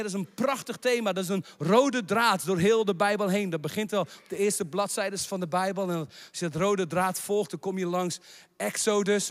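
High-voiced preacher in a reverberant hall. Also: male voice. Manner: rising to shouted proclamations, mixing in English phrases. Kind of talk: sermon.

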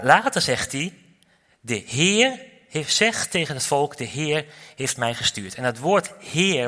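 A man's voice: mid-range voice, pushed and bright. Man preaching in a reverberant hall. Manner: explanatory, with chatty asides to the audience. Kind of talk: sermon with Bible teaching.

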